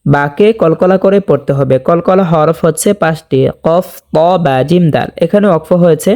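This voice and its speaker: A man teaching correct Quran recitation, explaining each rule plainly and then reciting the words slowly and drawn out. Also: fairly high pitch, darkish tone. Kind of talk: slow step-by-step tajweed lesson with recited examples.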